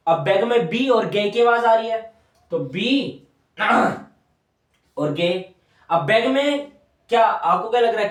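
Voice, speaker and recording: A young man teaching shorthand at a whiteboard, patiently repeating each stroke aloud as he draws. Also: high voice. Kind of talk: whiteboard lesson. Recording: echoey room, voice from a distance.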